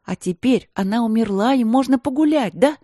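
A woman voicing a furious, grieving teenage princess who hurls shrill accusations at her sisters. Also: fairly quick, mellow, dry recording, studio quality, natural voice.

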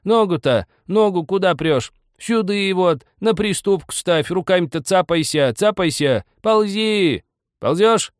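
A man voicing an old village woman who scolds and orders loudly. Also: a little high, sing-song, measured pace, no echo, clean studio sound, voice pushed up. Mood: scolding. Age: older. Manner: loud, nagging, bossy.

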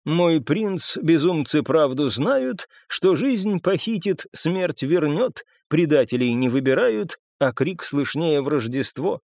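A man's voice: on the high side, lively intonation, takes it slowly, few pauses, a little mellow, no echo, clean studio sound, voice pushed up. A man voicing a polished, sardonic young male courtier who speaks with guarded courtesy in an audiobook. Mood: courteous.

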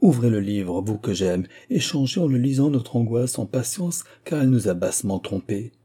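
A man's voice: medium pitch, animated, moderate pace, mellow, breathy edge. A man voicing a distraught older mother who speaks in tearful, bitter reproaches. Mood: pleading.

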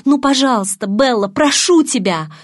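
A woman's voice: medium pitch, a little slow, husky, dry recording. Desperate young man, pleading, urgent, raised voice, dry sound, read by a woman. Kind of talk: audiobook reading.

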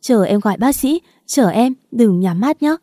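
A woman's voice: fairly high pitch, expressive, normal speed, dark tone, no room sound, studio quality. A woman voicing a young mother who pleads in tears at her husband's bedside, in an audiobook reading. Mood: anxious. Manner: tearful, pleading.

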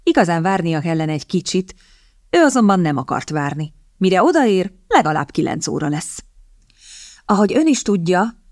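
A woman reading an audiobook in scripted narration, in a measured, even storytelling manner. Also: on the low side, no room sound, studio quality.

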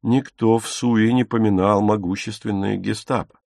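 A man reading an audiobook as narrator in an even, measured way. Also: on the low side, vocal fry, no room sound, clean studio sound. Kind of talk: scripted narration.

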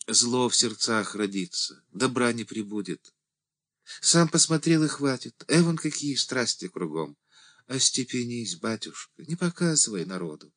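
A man voicing a small, frail, timid old male church deacon who pleads in a high, fretful voice that rises to near cries. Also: a bit bright. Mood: pleading.

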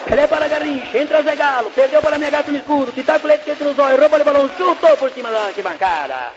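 Man acting a frantic, very high-pitched football commentator. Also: fast talker. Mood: rapid patter. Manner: tongue-twisting, deadpan nonsense patter. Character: frantic old-time radio football commentator in a comic skit. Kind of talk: rapid-fire comic football commentary. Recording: dull lo-fi radio recording, faint noise.

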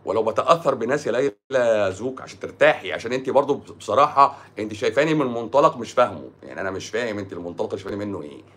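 A man's voice: on the low side, animated, racing, hardly any pauses, a bit bright. A man with an Egyptian accent, a doctor answering viewer comments on a live stream in a sarcastic, mocking way. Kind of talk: casual live-stream talk.

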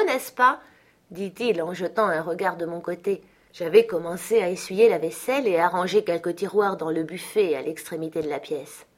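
A woman reading a novel aloud in a measured, even storytelling voice. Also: lowish voice. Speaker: audiobook reader. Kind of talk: scripted literary narration.

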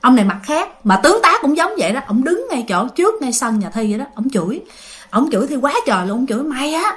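A Southern Vietnamese woman tells a ghost story as if chatting with friends, often turning to her listeners. Her voice sits high and leaps up and down with lively energy. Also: fast talker. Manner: animated, talks straight to listeners. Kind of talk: casual spoken storytelling.

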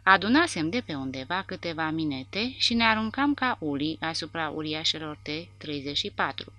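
A woman narrating a war novel audiobook with a dramatic, expressive reading. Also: deep voice, muffled recording.

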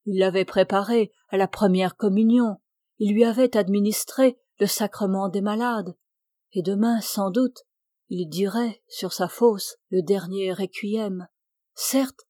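Slow, warm-voiced woman narrator. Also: medium pitch, no echo, clean studio sound. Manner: measured, expressive. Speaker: audiobook reader. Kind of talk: literary audiobook narration.

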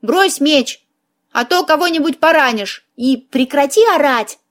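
A woman reading an audiobook, voicing a calm male elf in a dry, matter-of-fact way. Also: high-pitched, measured pace.

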